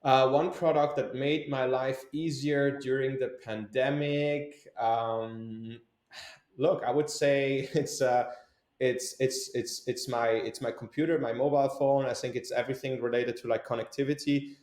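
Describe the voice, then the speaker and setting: A man's voice: mid-range voice, fairly even intonation, measured pace, a little mellow. A young man from Switzerland, an entrepreneur answering interview questions in a hesitant way, with many fillers and restarts. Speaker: entrepreneur guest. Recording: echoey room.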